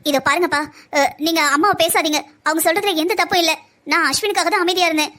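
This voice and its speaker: A woman voicing a sharp-tongued, scheming young woman who pushes and coaxes her family in a cartoon drama. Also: very high-pitched, fast. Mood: coaxing. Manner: pushy, coaxing.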